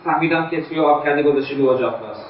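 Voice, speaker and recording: An actor playing a volatile young son who threatens someone who has been spying on him, in a radio drama. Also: male voice, a little high, a little hiss or hum, natural voice. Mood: recounting. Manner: tense, threatening. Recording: echoey, distant, dull lo-fi sound.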